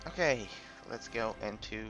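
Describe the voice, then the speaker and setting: A man from the UK gives an unscripted, casual game tutorial, rambling and hesitant as he thinks aloud. His voice is on the low side with lively intonation and a measured pace, and the recording sounds muffled and dull, with music in the background.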